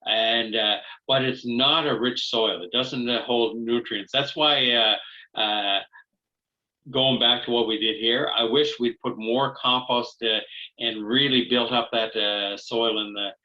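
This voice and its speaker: A man giving a webinar talk over a video call, speaking haltingly with many fillers and restarts. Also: mid-range voice, fairly even intonation, pushed and bright. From Canada. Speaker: guest speaker. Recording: dull lo-fi video call audio.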